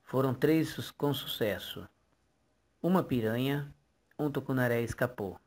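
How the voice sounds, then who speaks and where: A man's voice: medium pitch, measured pace. A man giving a matter-of-fact voice-over recap of a fishing trip. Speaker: narrator. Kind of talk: plain voice-over narration.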